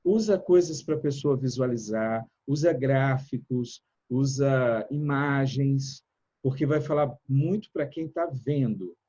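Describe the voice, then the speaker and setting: A man giving a live online chat talk about communication and speaking to audiences, energetic and shifting between fast and slow, loud and soft. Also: mid-range voice, slightly rough, lo-fi sound. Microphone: video call.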